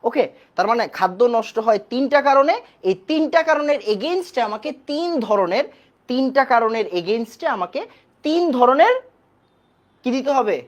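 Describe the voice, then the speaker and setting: A woman's voice: high-pitched, animated, normal speed. Repetitive woman chemistry teacher, quizzing. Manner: repeats key points and quizzes the class. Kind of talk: online class lecture.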